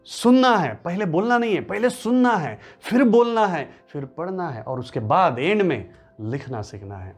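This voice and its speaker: Guy teaching a lesson, pushes every point, voice bounces all over, a bit high. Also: slightly rough. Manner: emphatic, repeats and lists key points for stress. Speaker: English-speaking coach. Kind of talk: motivational lesson to camera.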